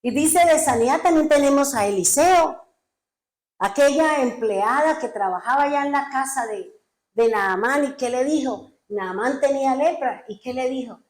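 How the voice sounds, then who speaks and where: A woman pastor delivers an emphatic sermon, firing rhetorical questions at her congregation. Her voice sits fairly high for a woman. The room around her is echoey. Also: normal speed, darkish tone.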